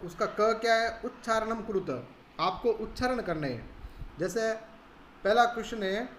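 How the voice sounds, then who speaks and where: A male teacher, leading a school lesson step by step and slowly repeating each word for his students. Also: high-pitched, a bit bright. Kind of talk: school lesson on a textbook chapter. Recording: echoey room, faint background hiss.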